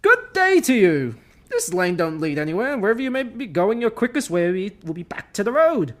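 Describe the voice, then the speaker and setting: A man's voice: sits high, sing-song, fairly quick, fairly bright tone, voice pushed up. A man doing a brusque old farmer. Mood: gruff. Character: gruff male hobbit farmer.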